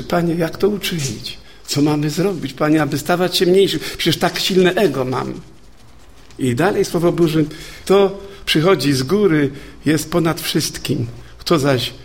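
Man, guest preacher, sermon, fairly high voice, reads scripture, asks the congregation questions, calls out amen. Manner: reads scripture aloud and then explains it.

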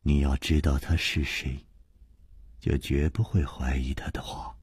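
A man voicing a poisoned, despairing person who speaks low, slowly and half in a whisper. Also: fairly even intonation, a little mellow, husky, no echo, studio quality, full character voice. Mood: hushed.

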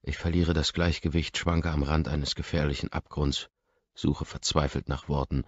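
Male audiobook narrator, extremely low and husky, reads in an intimate, hushed voice; dull, dry recording. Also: little pitch movement, moderate pace, no room sound. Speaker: audiobook reader. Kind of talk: first-person audiobook narration.

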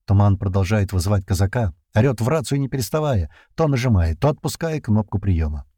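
A man narrating an adventure audiobook in the first person, in a steady storytelling manner. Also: on the low side, brisk, dry recording, clean studio sound.

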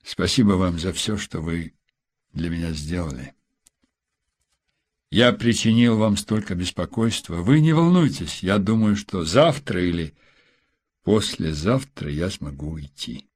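A wounded fugitive hiding in a stranger's flat, as a man narrator reads him. He speaks quietly and gravely in a lowered voice, firm beneath the softness. An audiobook character. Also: unhurried, dry recording, clean studio sound. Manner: soft, grave.

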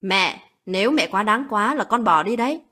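A woman voicing a young husband, drunk and quick-tempered, who scolds his wife and argues with his mother in a spoken story. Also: mid-range voice, lively intonation. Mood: arguing. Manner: scolding, loud and blunt.

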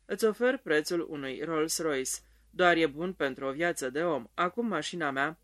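Man doing a gentle patient colonel. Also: a little high, close to an everyday voice. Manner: gentle, protective. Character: attentive patient husband, a colonel.

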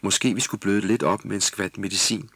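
A man playing a jolly old elf skipper with a low, hearty voice. The sound is dry and close, storybook style. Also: fairly even intonation, fairly bright tone, husky, dry recording. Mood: jovial. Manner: hearty, jovial. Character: jolly old male elf ship captain.

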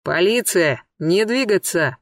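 A man's voice: high voice, expressive, takes it slowly, a bit bright, dry recording, distant mic, heavily acted. A man voicing a stern male police detective who barks orders and demands answers. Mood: shouting commands.

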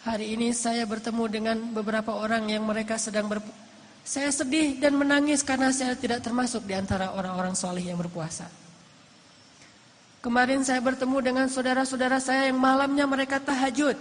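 A male preacher voicing a humble, sorrowful pious man who weeps, speaking softly in an echoey hall. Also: very high voice, fairly even intonation, brisk. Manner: soft, quiet, sorrowful. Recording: echoey hall, faint background noise.

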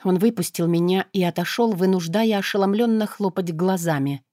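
A woman narrating a first-person audiobook in a lively, sarcastic and emotional manner. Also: fairly low pitch, normal speed, no echo, studio quality.

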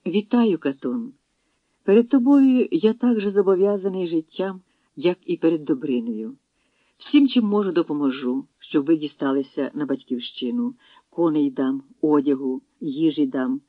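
A man's voice: a little high, moderate pace, no room sound, natural voice. A man reading a dignified steppe chieftain. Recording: tinny phone-like dry sound.

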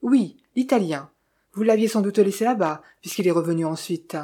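A woman's voice: mid-range voice, moderate pace, warm tone, natural voice. A woman doing a gossipy male village innkeeper. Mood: confiding. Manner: gossipy, teasing, confiding. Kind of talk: audiobook character voice.

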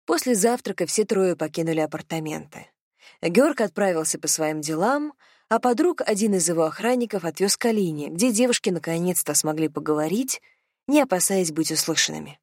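A woman's voice: fairly low pitch, lively intonation, a little fast, a little mellow, dry recording. Woman narrating an audiobook, dry close sound. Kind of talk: scripted narration.

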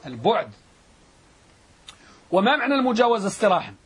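A man teaching a grammar class, repeating definitions slowly and quizzing his students. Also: high voice, big pitch swings, breathy edge. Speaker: Islamic scholar teaching Arabic grammar.

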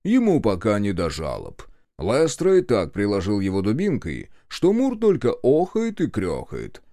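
A man's voice: on the low side, huge pitch swings, a little slow, warm tone, no echo, clean studio sound, heavily acted. A man doing a smug, stern police sergeant.

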